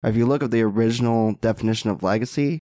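A man who is a podcast guest and mindset mentor, telling a parable in an animated, casual way and often asking "right?". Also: mid-range voice, fast, dry recording, clean studio sound. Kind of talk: casual storytelling.

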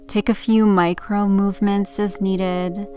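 A woman gently narrating a guided sleep meditation in the soothing, unhurried manner of a sleep story narrator. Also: mid-range voice, little pitch movement, over music. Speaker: meditation podcast host and yoga teacher.

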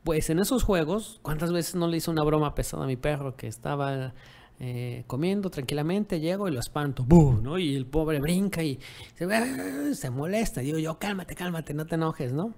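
Man with a higher voice, chatty and questioning. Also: lively intonation, normal speed, creaky, darkish tone. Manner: rhetorical tag questions, acts out quoted dialogue. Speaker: dog owner giving advice. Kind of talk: casual monologue.

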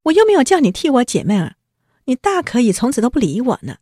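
A woman voicing a jealous, sharp-tongued young woman who answers in petulant retorts. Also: fairly low pitch, lively intonation, quick pace, gravelly, breathy edge, dry recording, clean studio sound, full character voice. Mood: sulky, jealous.

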